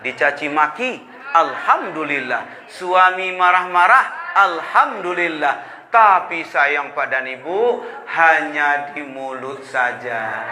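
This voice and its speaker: Animated man preaching. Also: mid-range voice, in a large hall, slight background noise. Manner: animated storytelling, acting out congregants' voices. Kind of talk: Ramadan sermon. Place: mosque.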